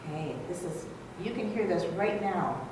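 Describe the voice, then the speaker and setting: A woman naturalist giving a children's nature lesson, gently coaxing her young listeners and calling them friends. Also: on the low side, normal speed. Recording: very echoey room, mic far off, faint background hum.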